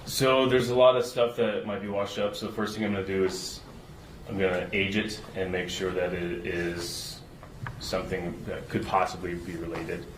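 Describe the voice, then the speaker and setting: A man testifying as a search and rescue witness, answering questions haltingly with fillers, played from a courtroom recording. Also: low voice, steady tone. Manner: halting, with many fillers and restarts. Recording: roomy courtroom recording with background noise.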